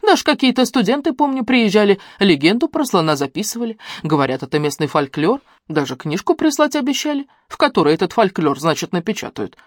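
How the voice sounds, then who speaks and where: A shrewd old village granny with a sing-song folksy lilt, swooping up high when she teases, as a woman puts her on in an audiobook. Her voice is close and dry, with wide swings in pitch. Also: sing-song, brisk, few pauses, no echo. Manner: folksy rural speech, sly and sing-song.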